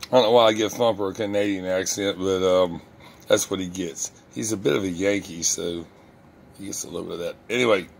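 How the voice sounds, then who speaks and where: Gravelly low-voiced man rambling on camera. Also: fairly even intonation, a little fast, a little hiss or hum. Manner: rambling, with many ums and restarts; self-deprecating and candid. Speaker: lock-picking hobbyist vlogger. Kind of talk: casual talk to camera.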